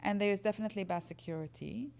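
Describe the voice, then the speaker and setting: A woman's voice: mid-range voice, fast, vocal fry, darkish tone. A woman from Iraq, earnestly explaining as a guest speaker answering audience questions at a lecture.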